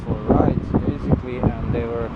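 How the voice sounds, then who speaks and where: A man who speaks English as a non-native language, guiding a walking city tour in a halting, searching way, outdoors in the wind. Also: medium pitch, steady tone, muffled recording. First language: not English. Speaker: travel vlogger, tour guide. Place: outdoors on windy city streets by a river. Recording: loud wind and street noise, outdoors.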